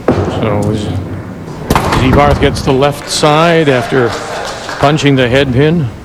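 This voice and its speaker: This bowling commentator takes it slowly, his medium-pitched voice calling the televised action in a conversational style with many asides. Crowd sounds and other noise come through the broadcast.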